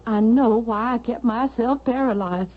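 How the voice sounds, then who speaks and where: In a 1970s radio drama, an actress voices a troubled, stubborn mother, her voice a little high and her pace measured. She sounds urgent and fearful. The audio has a thin, phone-like vintage radio quality.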